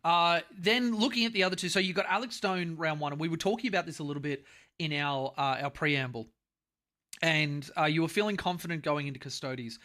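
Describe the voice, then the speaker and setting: An Australian man hosts a relaxed gaming podcast, talking in a bright, forceful voice that sits a little high for a man. He is animated and drops casual swearing as he chats over a call. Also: fairly quick. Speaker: podcast host.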